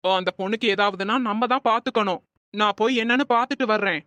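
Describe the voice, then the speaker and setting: A woman's voice: medium pitch, fast, no echo, lightly acted. Woman voicing a caring middle-aged man. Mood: concerned. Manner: concerned, gently scolding. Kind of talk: cartoon voice acting.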